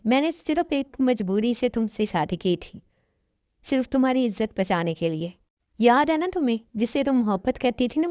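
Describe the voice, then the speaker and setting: A woman's voice: on the high side, warm tone, dry recording, clean studio sound, lightly acted. A woman voicing a young husband caught between two wives in a fan dub drama, talking bluntly. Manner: blunt, cold toward first wife.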